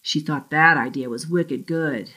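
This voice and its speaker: Reading a first-person story of her own, this South Shore woman carries a clear Boston accent. Her voice sits low with a sharp tone, and her pacing stays careful and deliberate.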